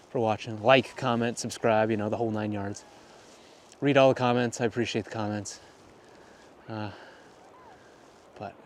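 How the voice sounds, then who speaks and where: A man's voice: lowish voice, a little mellow. A man doing a casual walk-and-talk photography vlog out in the cold by a frozen lake, thinking aloud in easygoing muttered asides. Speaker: photography vlogger. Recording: noisy outdoor wind and ambience. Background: clear outdoor ambient noise.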